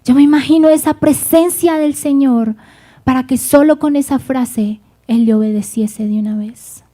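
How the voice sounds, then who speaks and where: A woman's voice: sits high, moderate pace, warm tone. A woman preaching a sermon, speaking fervently and addressing the congregation directly.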